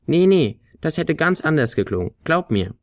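A man voicing a small, excitable female talking flute who frets and scolds in a raised voice. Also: no echo, clean studio sound. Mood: worried. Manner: high, quick to fret, scolding.

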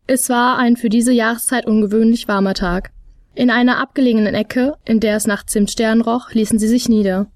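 A woman narrating a storybook with a steady, expressive reading. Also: on the high side, a little fast, dry recording, clean studio sound.

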